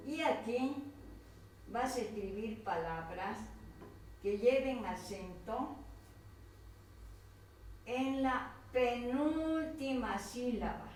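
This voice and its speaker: A woman's voice: fairly high pitch, lively intonation, very slow, long pauses, a little mellow, distant mic. A woman teacher with a Colombian accent, patiently walking a pupil through a grammar worksheet and pointing at each item. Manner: patient, repeats and points at items on a page. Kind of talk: slow worksheet instruction to a pupil. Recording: very echoey room, voice off-mic, faint noise.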